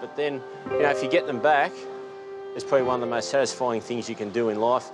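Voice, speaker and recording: A man's voice: medium pitch, fast, over music. A man, a lifeguard, reflecting on his work in a documentary interview.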